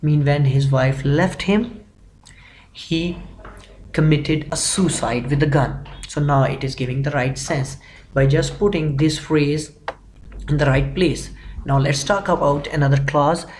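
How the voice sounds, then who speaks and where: A man's voice: on the high side, fairly even intonation, unhurried, a little mellow, a little hiss or hum, poor audio. A man giving an explanatory grammar lecture, methodically working through examples and repeating phrases. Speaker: English grammar teacher.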